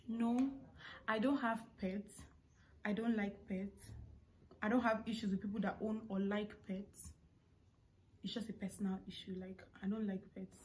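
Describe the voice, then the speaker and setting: A young woman's mid-range, somewhat mellow voice carries a Nigerian accent as she vlogs casually to camera. Between answers to questions, she makes informal asides. The recording, made indoors in a family living room, has clear household noise behind it.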